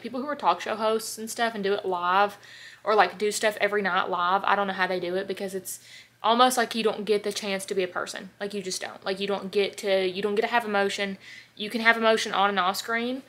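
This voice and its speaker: A young woman chatting straight to her camera in her bedroom, loose and rambling, full of "like" and "um". She sounds relaxed and conversational, as if filming herself on a phone or desk camera. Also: medium pitch. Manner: chatty, rambling, heavy use of "like" and "um". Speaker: beauty vlogger. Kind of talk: casual vlog chat. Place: bedroom with vanity mirror, indoors. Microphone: camera on a desk or handheld at arm's length.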